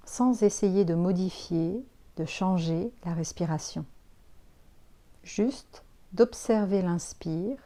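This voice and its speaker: A woman with a fairly low voice works as an instructor leading a guided yoga relaxation. Her instructions are calm and soothing, broken up by pauses.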